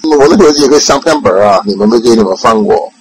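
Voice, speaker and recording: A man's voice: mid-range voice, expressive, fast talker, slightly rough, rough recording. An older man giving an informal Buddhist dharma talk, rambling with repeated words and fillers. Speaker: Buddhist lay teacher.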